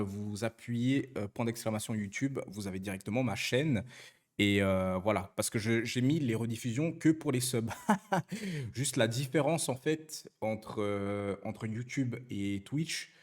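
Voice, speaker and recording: With a mid-range, darkish voice, a young Twitch streamer talks loosely with his audience. He cracks jokes and responds to chat messages, often using fillers and starting over.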